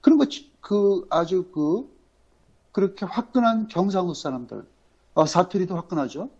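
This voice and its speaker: Sex: man. Pitch: high. Style: rambling political commentary. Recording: dull lo-fi audio. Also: expressive, a little mellow, slightly rough. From Incheon, South Korea. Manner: rambling, halting, many fillers, emphatic rhetorical questions. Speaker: political livestream host.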